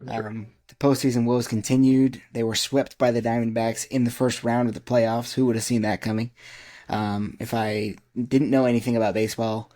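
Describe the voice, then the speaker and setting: Man, baseball podcast host, casual joking chat, rattles off names, warm mellow tone. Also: medium pitch, little pitch movement, normal speed.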